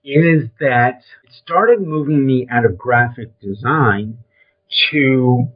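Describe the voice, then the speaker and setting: An older man with a Brooklyn accent, a film trailer and design veteran appearing as an interview guest, reminisces about his career in a slow, mid-range voice. He is emphatic, blunt and conversational, heard over thin, phone-like call audio.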